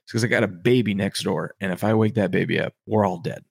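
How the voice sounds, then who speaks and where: A man hosting a casual sports betting podcast, speaking quietly but clearly, as if holding back his excitement. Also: lowish voice, fast talker, no room sound, clean studio sound. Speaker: podcast host. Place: bare home room with hardwood floors.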